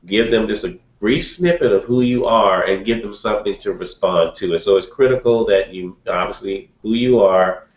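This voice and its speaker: Brief: low-pitched male career advisor, relaxed explainer, roomy dull recording. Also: normal speed. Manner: conversational, explains with quotes and examples. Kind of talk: advice interview.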